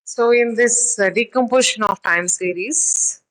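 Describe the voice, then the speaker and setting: A woman's voice: a little high, fairly bright tone, low-quality recording. A woman giving a recorded statistics lecture, reading from a text and then explaining it in her own words, with frequent fillers and restarts. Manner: halting, with many fillers and restarts.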